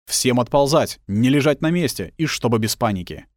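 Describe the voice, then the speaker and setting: A man voicing a young army lieutenant who shouts orders to his soldiers. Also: medium pitch, expressive, normal speed, no echo, clean studio sound, close to an everyday voice. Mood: barking. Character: young male army lieutenant, commanding and steely. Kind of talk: audiobook character voice.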